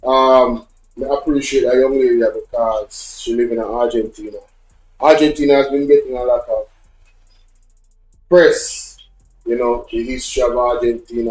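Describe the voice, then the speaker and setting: A man's voice: mid-range voice, a little mellow. A man hosting a live stream, chatting loosely and rambling between clips. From Jamaica. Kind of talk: casual reaction commentary. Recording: echoey room.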